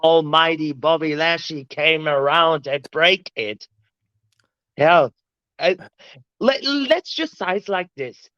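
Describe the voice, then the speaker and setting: High-voiced man joking over a lo-fi mic. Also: expressive, takes it slowly, pushed and bright, clear, resonant tone, no echo. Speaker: podcast co-host. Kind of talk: casual chat. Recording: dull, lo-fi mic.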